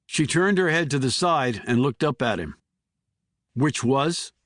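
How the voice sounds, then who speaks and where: A man narrating a thriller audiobook in a measured, even way. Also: mid-range voice, no echo, studio quality. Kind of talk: scripted narration.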